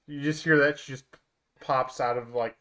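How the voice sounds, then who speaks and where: A man playing a tabletop game in casual chat, laid-back and quick to joke. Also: mid-range voice, steady tone, a bit bright. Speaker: player.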